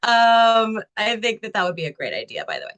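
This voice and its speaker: A woman's voice: medium pitch, wildly swooping pitch, a little fast, fairly bright tone. A woman hosts a casual interview in a friendly way and asks her guest questions. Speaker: interview host.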